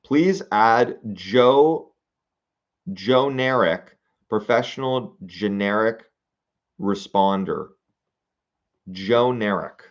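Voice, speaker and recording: A young man hosts a casual livestream, reading out viewer suggestions and comments while musing aloud, halting with fillers and restarts. His voice is lowish and the recording sounds muffled.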